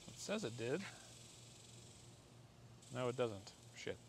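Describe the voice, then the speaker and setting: American guy in his 40s, rambly diy vlog talk, medium pitch, noisy camera audio. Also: big pitch swings, slow pace. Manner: self-deprecating, rambling, conversational. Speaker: vlogger doing a product installation. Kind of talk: casual hands-on how-to vlog. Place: outdoors in a driveway and inside a parked car. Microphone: camera or phone mic, arm's length to a few feet. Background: clear ambient noise.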